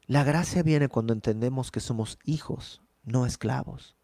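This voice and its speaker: A man's voice: medium pitch, normal speed, dark tone, no room sound. A man teaching a verse-by-verse Bible study in an earnest, emphatic, conversational way.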